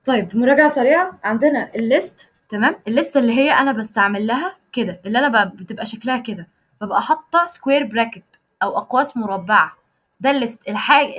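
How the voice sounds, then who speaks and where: A young Egyptian woman runs an online coding lesson, her voice set a little high and her words coming quickly. She breaks off and restarts phrases as she works through the code, pausing often to ask whether everyone has it. It sounds like a plain computer mic on a video call. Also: fairly bright tone. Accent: Egyptian Arabic. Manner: explains step by step, checks in with students often; frequent restarts and self-corrections while typing code. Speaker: programming instructor.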